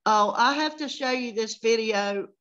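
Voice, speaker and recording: A woman's voice: a little high, measured pace, fairly bright tone, dull audio. An older woman with a Southern US country accent, telling a chatty story on a casual group video call.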